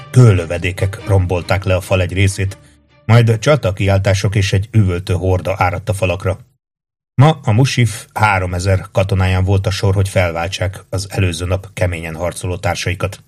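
Low-voiced male audiobook narrator. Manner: even, steady storytelling. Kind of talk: scripted narration.

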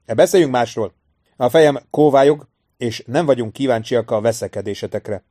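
A man's voice: medium pitch, mellow, no room sound, clean studio sound, natural voice. A man voicing a weary young nobleman in an audiobook reading.

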